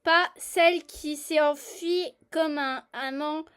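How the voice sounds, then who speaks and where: Woman from France, high voice, playful, animated, casual let's-play chat. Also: slow pace. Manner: playful, animated, reads game text aloud. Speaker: gaming streamer.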